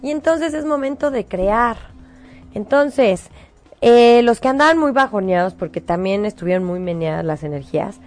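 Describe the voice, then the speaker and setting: A middle-aged Mexican woman, a show host, giving spiritual advice in a coaxing, animated way. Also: mid-range voice, normal speed, faint music behind. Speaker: host giving angel predictions.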